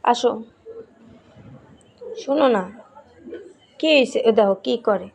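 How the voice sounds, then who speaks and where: A woman, softly pleading and coaxing her pet outdoors at night, repeating herself. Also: fairly high pitch, slow, gravelly. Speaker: pet owner.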